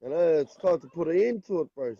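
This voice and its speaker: A man's voice: fairly high pitch, expressive, fairly quick, mellow, slightly rough, no room sound, highs cut off. A man with a broad New Zealand accent talking casually and earnestly as a guest caller, in a brotherly, slangy way. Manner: repeatedly punctuates phrases with "bro". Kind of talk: casual, earnest motivational talk.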